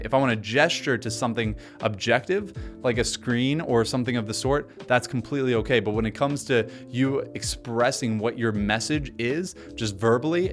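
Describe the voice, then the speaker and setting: A man giving an energetic instructional talk to camera, coaching people on speaking, deliberately shifting his speed and pitch for emphasis. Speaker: presenter teaching on-camera speaking.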